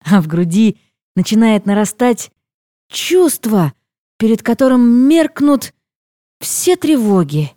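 A young woman narrates a novel in the first person, bright and high in pitch. Her delivery is expressive and full of movement, and the recording is dry and close. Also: slow pace, pauses often, no echo. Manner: lively, expressive, acts out exclamations. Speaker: audiobook narrator.

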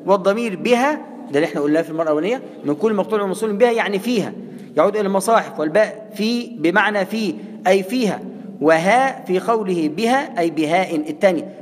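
An Egyptian man teaches Quran recitation at a brisk, fast clip. His voice sits high and rings with a long hall reverb. He keeps turning to his listeners with rhetorical questions. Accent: Egyptian Arabic. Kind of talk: explanatory religious lesson.

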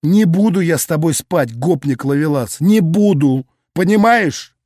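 A man reading an audiobook, voicing a sharp-tongued sarcastic young woman in a raised, mocking tone. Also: on the high side, lively intonation, measured pace, no echo, studio quality, voice pushed up. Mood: indignant. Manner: mocking, venomous, indignant.

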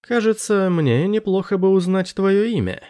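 A man's voice: high-pitched, animated, moderate pace, mellow, smooth, pitched above the performer's own voice. A man voicing an awkward, oddly unbothered male soldier leader in an audiobook, speaking in a hesitant, mildly apologetic way. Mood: chatty.

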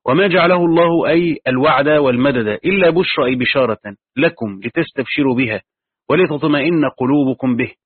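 A man's voice: mid-range voice, brisk, slightly rough, no echo. A man teaching Quran commentary, reading from a tafsir text and adding his own explanations. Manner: reads the text aloud, then adds his own explanations. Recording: tinny phone-like lo-fi recording.

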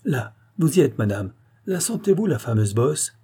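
Male narrator as shrewd young sleuth, insistent, husky low timbre. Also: big pitch swings, normal speed, dark tone, full character voice. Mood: probing. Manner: insistent, probing, confident. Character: sharp, cunning young male detective.

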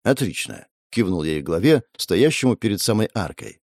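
A man reading a first-person fantasy novel aloud in an expressive, animated way at a close microphone. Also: fairly low pitch, a little fast, no echo. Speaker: audiobook narrator.

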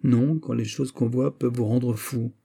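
A man's voice: medium pitch, steady tone, normal speed, creaky, mellow, husky. A man reading a troubled, lovesick young count. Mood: uneasy.

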